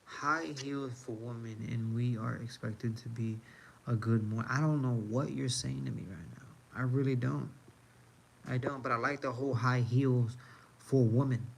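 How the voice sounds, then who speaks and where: A New York City man with an American accent rants casually on a livestream, emphatic and repeating himself for effect. His medium-pitched voice is creaky, with fairly even intonation and a moderate pace, and there's a little hiss or hum in the audio.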